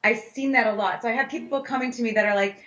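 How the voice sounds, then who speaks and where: A plant-based dietitian appears as an interview guest in a casual expert conversation, speaking candidly and emphatically. Her voice is on the high side, steady and fairly bright, and she talks fast. The audio is echoey and slightly dull.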